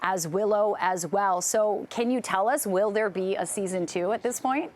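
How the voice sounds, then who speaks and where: A woman's voice: mid-range voice, moderate pace, a little mellow. A woman hosting a morning TV show, interviewing a guest in an upbeat, chatty way and laughing easily. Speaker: morning TV host. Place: TV studio.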